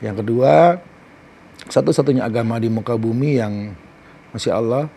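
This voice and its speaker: Man, middle-aged, talk show guest, earnest and heartfelt, gravelly fry, faint background noise. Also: mid-range voice, dark tone. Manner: earnest and heartfelt, slow and emphatic. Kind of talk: personal testimony in conversation.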